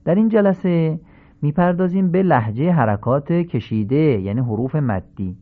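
A man teaching Quran recitation in a radio lesson, explaining patiently and chanting drill syllables slowly. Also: on the high side, animated. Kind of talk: radio lesson on Arabic pronunciation. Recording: tinny phone-like broadcast sound.

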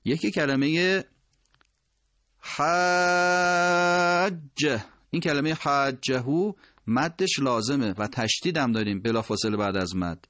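A man gives a recitation lesson, pausing to stretch out each example word slowly and carefully. His voice sits at a middling pitch. The sound is dry and close, with no room around it. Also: fairly bright tone, no room sound. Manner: slow, drawn-out demonstration of words. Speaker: Quran recitation teacher. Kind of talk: tajwid lesson explaining pronunciation.

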